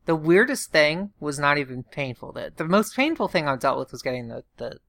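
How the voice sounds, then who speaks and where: A woman chatting casually in a halting, self-deprecating way, her speech slightly impeded as if her mouth is sore after surgery. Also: low voice, big pitch swings, a bit bright, no room sound, clean studio sound. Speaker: vlogger recounting surgery recovery. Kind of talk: casual chat, personal video diary.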